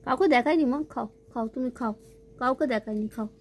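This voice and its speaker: High-voiced woman cooing at her cat. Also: quick pace, a little mellow, slight background noise. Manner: coaxing, cooing baby talk. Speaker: pet owner filming her cat. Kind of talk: casual home video.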